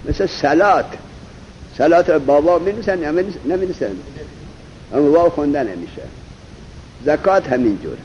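A man's voice: a little high, animated, a little mellow. Man teaching a class on a dull recording. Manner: quizzes students, drawls example words slowly. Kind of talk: seminary-style grammar lesson. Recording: dull lo-fi recording with faint noise.

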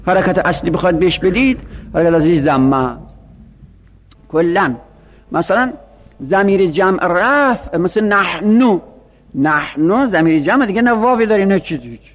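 A man with a high voice lectures on grammar, asking rhetorical questions and answering them himself. His voice rings out with a long reverb, as if in a big hall. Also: lively intonation, muffled recording. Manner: explanatory, rhetorical questions, speaks for the word itself. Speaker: Arabic grammar teacher. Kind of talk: classroom lecture on Arabic morphology.

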